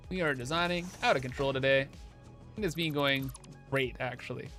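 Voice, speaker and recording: A man's voice: a little high, fairly bright tone. A young man livestreaming over a headset mic, thinking aloud in a casual, chatty way while he builds in a game.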